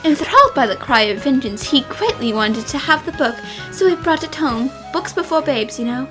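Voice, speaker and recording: Excitable high-pitched anime girl detective, overacted. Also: moderate pace. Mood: excited. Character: excitable, theatrical young female detective. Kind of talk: overacted anime-style fan dub. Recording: voice over faint music. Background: faint music.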